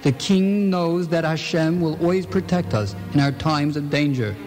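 A man's voice: fairly high pitch, a little mellow, soft background music, natural voice. A man playing a grave, earnest rabbi. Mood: solemn. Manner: earnest, solemn, measured. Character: respected male rabbi and community leader, grave and earnest. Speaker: teacher.

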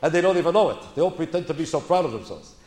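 An American man does stand-up comedy in an indignant, emphatic rant, repeating phrases for punch through observational bits. His voice is fairly high, animated, very fast and darkish in tone. The live room is echoey and the recording clearly noisy.

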